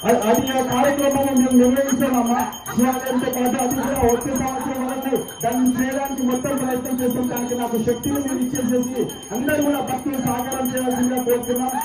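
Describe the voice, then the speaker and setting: Very even, high-pitched deferential man. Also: fast talker. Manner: deferential, pleading. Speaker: temple committee representative. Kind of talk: formal devotional address. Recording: echoey, music and bells behind. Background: music, bells.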